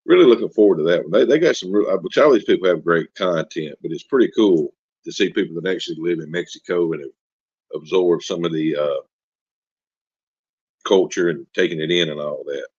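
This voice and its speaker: A deep-voiced man hosts a casual livestream, chatting with viewers and joking in a folksy, easygoing way. His voice is very low and comes through a dry, slightly dull home microphone. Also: fairly quick, darkish tone, slightly rough, dry recording. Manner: folksy, joking, reads and answers chat. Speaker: livestream host. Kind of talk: casual live-chat hosting.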